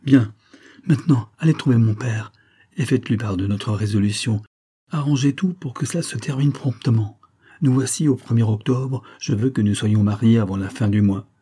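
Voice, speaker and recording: A man's voice: mid-range voice, steady tone, normal speed, warm tone, slightly rough, close to an everyday voice. A man voicing a proud, wounded young woman who speaks in tense, clipped demands while reading a novel aloud. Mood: curt.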